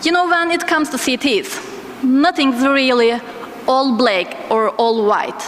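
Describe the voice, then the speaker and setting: A woman giving a conference lecture as a physician, her voice thick and strained from a sore throat, speaking hesitantly with deliberate pauses. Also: high-pitched. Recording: echoey hall with noticeable background noise.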